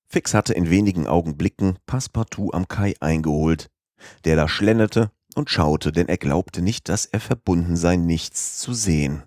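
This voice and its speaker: A man narrating an audiobook in a steady, measured storytelling manner. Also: low voice, no room sound, studio quality.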